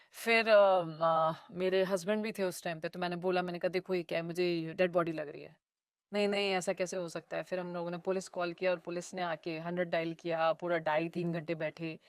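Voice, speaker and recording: A woman from India, an animated lake restoration activist telling stories in an interview with playful asides. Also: fairly low pitch, no room sound, studio quality. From North India. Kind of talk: conversational interview storytelling.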